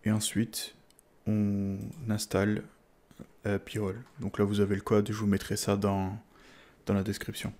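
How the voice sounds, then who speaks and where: In a monotone, unhurried voice of fairly low pitch and darkish tone, a French-accented man walks through a tech installation. It's a casual screen-recorded tutorial. He hesitates a lot, saying "euh," repeating words and restarting often.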